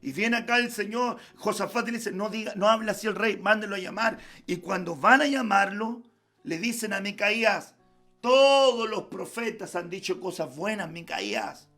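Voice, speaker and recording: A man with a Chilean accent preaching a fervent sermon as pastor, swinging between shouted peaks and hushed, intimate passages. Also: sits high, expressive, normal speed, faint music behind. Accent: Chilean Spanish.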